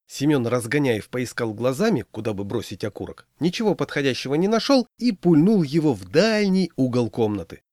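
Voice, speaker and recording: A man narrating a humorous short story in an expressive, wry reading. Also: medium pitch, fairly quick, hardly any pauses, no echo, clean studio sound.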